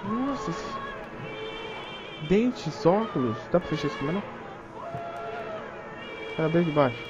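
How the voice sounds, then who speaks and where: A man's voice: a little high, sing-song, a little slow, muffled recording, over loud music, a loud crowd. A young man with a Brazilian Portuguese accent doing let's play commentary of a horror game, jumpy and swearing, talking to himself. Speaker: gaming youtuber.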